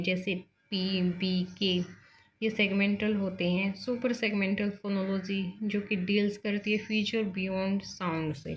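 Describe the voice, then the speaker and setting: The audio is dull, but her mid-range voice is clear enough as she runs a bilingual exam-prep lecture on phonology. She blends Hindi into Indian-accented English, going step by step and repeatedly making sure students are keeping up.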